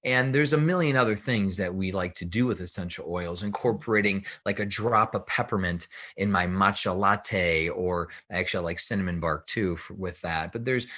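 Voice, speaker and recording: A man with a lowish, slightly bright voice appears as an expert guest on a podcast interview. A health researcher and author, he explains things with emphasis and repeated phrases.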